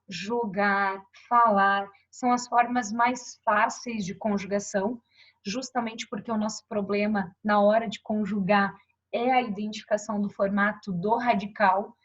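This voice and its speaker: A woman's voice: mid-range voice, slightly rough. A woman teacher explaining verb grammar and pointing to examples on a board, often checking in with her students. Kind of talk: grammar lesson. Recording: dull lo-fi recording.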